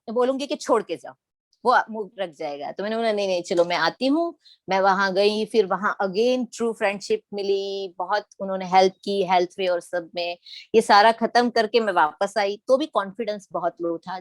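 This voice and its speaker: Lively middle-aged woman telling her story. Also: fairly high pitch, no echo. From Gujarat, India. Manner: lively storytelling, acting out quoted lines. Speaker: program participant sharing her story. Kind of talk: personal testimony talk.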